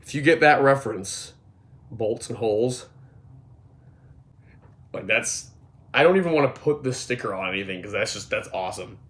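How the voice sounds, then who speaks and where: His voice is mid-range, fairly bright, and expressive, hoarse from a cold, as this twentysomething vlogger rambles through his skateboard setup at normal speed, pausing often amid fillers and restarts. He wanders an echoey gym-mat room, filmed on a moving phone or camera.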